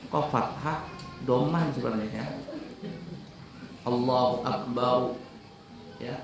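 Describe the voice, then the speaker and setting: A man's voice: medium pitch, slow pace, gravelly, noisy background. Man teaching, in an echoey room from afar. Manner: explains in plain talk and breaks into sung calls to prayer; asks students whether they understand. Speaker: religious teacher at an Islamic boarding school. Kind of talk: classroom lesson on calling to prayer, with sung demonstrations. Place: classroom hall at a boarding school. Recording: echoey room, recorded from a distance.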